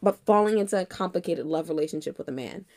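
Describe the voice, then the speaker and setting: A woman talks through drama picks in a relaxed, chatty way, laughing between sentences. Her pitch rises and falls a lot as she tells each story. Now and then a small cough breaks in. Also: quick pace, gravelly. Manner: laughs often, animated storytelling. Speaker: co-host reviewing dramas. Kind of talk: casual chat.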